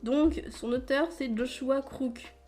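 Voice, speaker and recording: A woman's voice: sits high, slow, a little mellow, faint music behind. A woman chatting casually as a book vlogger, rambling, stumbling over words and laughing at herself. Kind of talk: casual chat.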